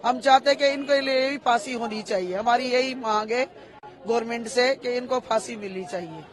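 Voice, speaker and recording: A woman's voice: a little high, moderate pace, a faint crowd. A middle-aged woman in a street interview, insistently repeating her demand for justice as a victim's daughter.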